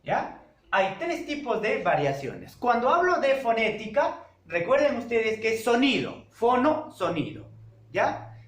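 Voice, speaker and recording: A man teaching a secondary school language class, speaking slowly and deliberately, repeating key terms and checking in with his students. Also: extremely high pitch, very animated. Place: classroom with a whiteboard. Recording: echoey classroom.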